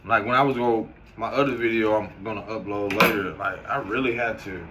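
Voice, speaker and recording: A man's voice: fairly low pitch, fairly quick. A man giving a casual, loose, profane monologue to camera as a vlogger, mixing stories and advice. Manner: loose, profane, animated storytelling. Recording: noisy background hiss.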